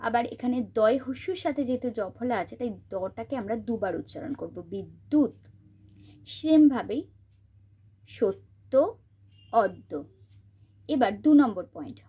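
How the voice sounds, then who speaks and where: A woman hosting her own channel, teaching a spoken grammar lesson, explaining step by step and slowly repeating example words. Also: fairly high pitch, warm tone, breathy edge.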